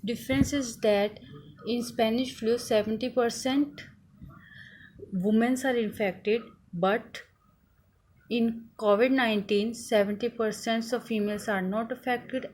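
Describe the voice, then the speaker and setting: A young woman with an Indian accent delivers a prepared student speech in halting, deliberate phrases. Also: on the high side, steady tone, a little mellow, poor audio. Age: young adult. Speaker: student contest speaker. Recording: faint background noise.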